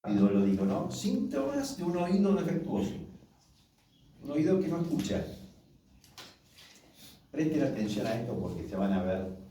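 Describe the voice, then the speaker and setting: A warm, colloquial Argentine pastor in his sixties leads a marriage workshop, his pitch rising and falling freely as he talks with the couples in front of him. His voice is slightly high and mellow. He is heard from a distance in a very echoey hall with faint background noise. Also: very animated, normal speed, long pauses. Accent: Argentine Spanish. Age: 60s. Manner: warm, conversational, asks the audience questions. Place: church hall with an audience.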